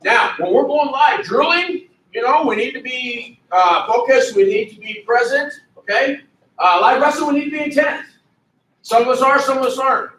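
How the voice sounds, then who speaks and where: A man's voice: very high-pitched, normal speed, a bit bright, slight background noise. A man coaching youth wrestling, barking commands and giving a pep talk to the kids. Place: indoor wrestling room. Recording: echoey gym from far off.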